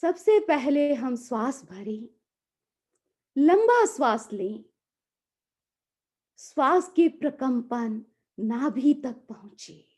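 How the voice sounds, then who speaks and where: A woman giving a calm, slow mantra lesson, drawing out the chanted syllables. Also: high-pitched, breathy edge. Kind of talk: guided mantra pronunciation lesson.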